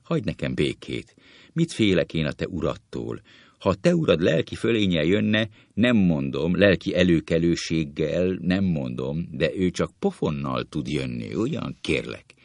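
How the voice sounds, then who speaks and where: A pompous male writer rants in an indignant, swooping voice, and it rises and drops wildly as he gets carried away, as a man puts him on in a comic play reading. The voice sits very deep and gravelly, close and dry. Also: a little mellow, dry recording, heavily acted. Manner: indignant ranting that collapses into nervous tittering. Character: vain, cowardly male writer boasting of spiritual superiority.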